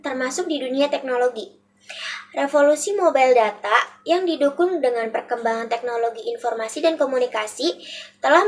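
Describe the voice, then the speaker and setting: High-pitched teenage girl presenting. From Indonesia. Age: teens. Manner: reads from a script with listed points. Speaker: vocational high school student. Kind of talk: school video presentation.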